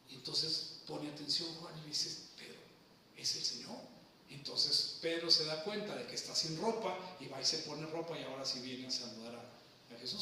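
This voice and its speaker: A man's voice: a little high, bright, forceful tone, slight background noise. A man preaching a sermon, teaching scripture and asking his congregation questions as he goes. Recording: echoey room, from far off.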